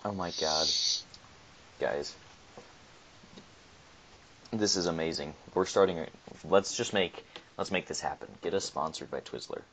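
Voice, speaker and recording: Low gravelly young man, laid-back. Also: a bit bright. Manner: laid-back, joking, drawn-out speech. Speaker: podcast co-host. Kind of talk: casual chat.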